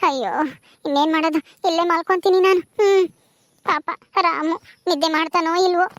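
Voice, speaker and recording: A woman playing a gentle pleading young wife. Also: extremely high pitch, fairly quick. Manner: pleading, earnest.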